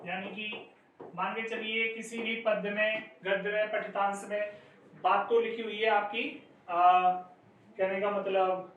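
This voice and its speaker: A man's voice: high voice, a bit bright. A man teaching an exam-prep lesson, explaining step by step and often calling his listeners friends. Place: classroom. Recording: echoey room, distant mic, faint noise.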